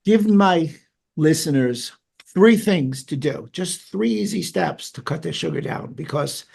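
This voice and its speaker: A man's voice: on the high side, expressive, measured pace, vocal fry, a little mellow, husky. A man with a New York accent hosting an interview, chatty and jokey with enthusiastic asides. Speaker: podcast host. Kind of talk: casual interview.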